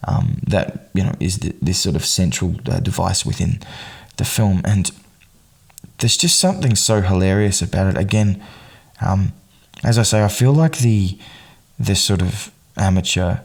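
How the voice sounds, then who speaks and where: Casting note: male podcast host, lowish voice, loose rambling film chat full of ums and restarts. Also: creaky, husky. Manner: rambling, many fillers and restarts, quick bursts of amused emphasis. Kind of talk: casual film commentary.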